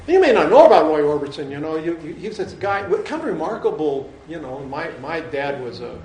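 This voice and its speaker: Male lecturer, fairly high voice, rambling and musing, distant mic, faint room noise behind. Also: sing-song, fairly quick, darkish tone. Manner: digressive, musing, with restarts. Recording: very echoey hall, from far off.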